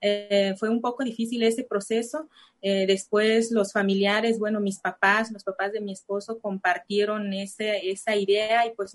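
Speaking Spanish in a mid-range voice, this interview guest shares a personal testimony. She comes from Nayarit, Mexico, and grew up speaking Cora (Náayeri). Her delivery is hesitant and full of fillers and false starts.

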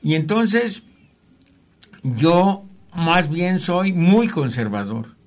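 Older Mexican man, gravelly voice, a bit high, rambling anecdotal storyteller. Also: animated, extremely slow. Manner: rambling storyteller, chuckling asides. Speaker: printmaker guest. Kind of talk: anecdotal interview talk.

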